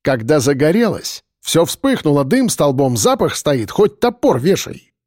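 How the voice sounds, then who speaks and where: Man voicing a weary police lieutenant colonel, even, measured, fairly high mellow voice. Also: no room sound, clean studio sound. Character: tired, weary middle-aged male police lieutenant colonel. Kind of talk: audiobook reading.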